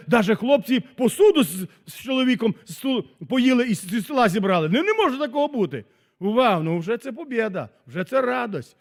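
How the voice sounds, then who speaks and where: High-voiced preacher in an echoing hall. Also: male voice. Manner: dramatic, swings from loud to very soft. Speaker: pastor. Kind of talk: sermon. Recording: long hall reverb.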